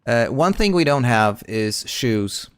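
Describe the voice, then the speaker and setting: A man's voice: mid-range voice, very animated, slow, fairly bright tone, clear, resonant tone, no room sound, studio quality. A man casually commenting on his gameplay stream, chatting with viewers and often restarting words.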